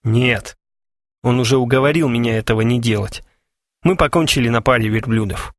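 A man's voice: medium pitch, normal speed, dry recording, studio quality, close to an everyday voice. A man voicing a moody, jealous young man who has just come into money, speaking in an earnest, brooding way. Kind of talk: audiobook character voice.

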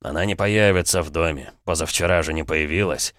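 A man voicing a selfish, stubborn middle-aged nobleman in an audiobook, in a flat, cold, unhurried delivery. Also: low voice, no echo, studio quality. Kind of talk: audiobook character voice.

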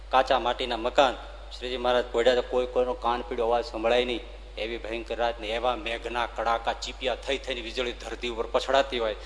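A male swami with a Gujarati accent preaches a lively devotional story, letting his voice leap up for drama and slow down for the verses. His voice sits at an ordinary middle pitch. A long reverb of a large hall trails after every phrase. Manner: lively storyteller, rising loud for drama and slowing to chant verses. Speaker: swami giving a religious discourse.

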